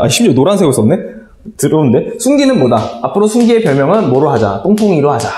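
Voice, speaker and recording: A man's voice: on the high side, darkish tone. A man teaching an online lesson, telling a playful story and quizzing his viewers with questions as he goes. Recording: echoey room.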